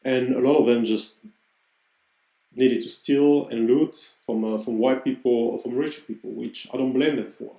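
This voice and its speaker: Earnest man in his thirties, warm voice. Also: mid-range voice, steady tone, moderate pace, vocal fry. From Cameroon. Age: 30s. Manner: earnest, reflective, searching for words. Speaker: podcast host. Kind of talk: personal podcast monologue. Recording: roomy, echoey room.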